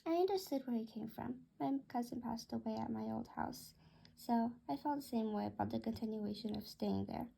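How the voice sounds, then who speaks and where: A woman reading a children's story aloud in first person, with a gentle, even storytelling manner. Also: on the high side, brisk, gravelly, breathy edge.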